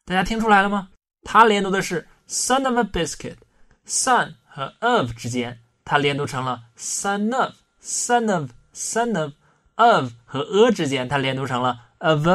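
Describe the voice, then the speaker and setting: A male English pronunciation teacher speaks a little higher than most men. His explanations are casual and joking, and he slows right down to drill example phrases. It plays like a recorded online lesson. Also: a bit bright. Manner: playful, colloquial explaining with slowed, exaggerated English demonstrations.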